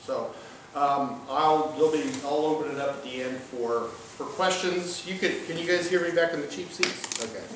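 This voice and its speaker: A fairly high, slightly bright voice belongs to an older college professor from southern Missouri's Ozarks, guest-lecturing informally to the public. He speaks in a folksy, halting way with pauses. The distant mic picks him up across a big indoor lecture hall, very echoey and with faint background noise.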